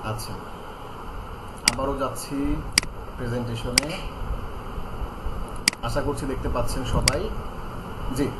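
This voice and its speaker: In an online Quran pronunciation lesson, a man with a mid-range voice slowly drills each letter sound, repeating it, and calmly explains tongue placement step by step. The audio sounds roomy and is very noisy.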